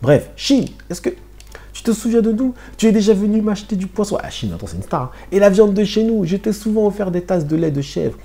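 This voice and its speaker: Man doing a loud proud old village father. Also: high voice, expressive, a little fast, creaky, pitched above the performer's own voice. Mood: teasing.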